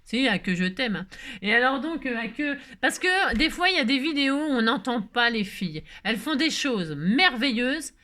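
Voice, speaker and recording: A middle-aged woman hosting a chatty crafting tutorial, talking loudly and joking with her viewers as she works. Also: high-pitched, expressive, normal speed, few pauses. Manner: loud, playful, talks to viewers, jokes.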